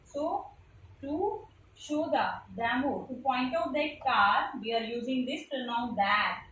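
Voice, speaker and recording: A woman teacher with an Indian English accent speaks slowly in a high, fairly bright voice, taking pupils through grammar step by step and spelling out letters. The classroom echoes, the recording is distant, and there's slight background noise.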